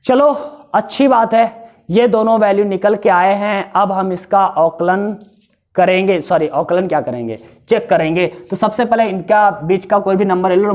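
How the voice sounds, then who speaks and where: A man with a high voice, hoarse from a sore throat, teaches a math lesson. He goes through every step, repeats the values, and asks his students questions.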